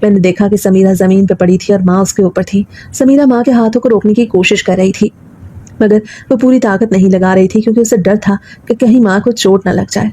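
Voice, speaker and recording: A woman's voice: medium pitch, fairly even intonation, mellow. A woman narrating a scripted, emotional story in the first person with dramatic delivery.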